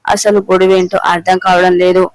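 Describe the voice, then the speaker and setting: A man reading the lines of a kind young daughter-in-law gently reassuring her father-in-law, in a clear voice. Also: high voice, monotone, normal speed, dry recording, close to an everyday voice, low-quality recording. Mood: consoling.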